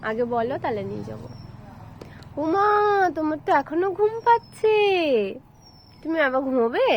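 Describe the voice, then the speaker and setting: A woman's voice: sits high, sing-song, normal speed, dull audio, a little hiss or hum. A woman talking to her toddler at home, coaxing him in playful baby talk.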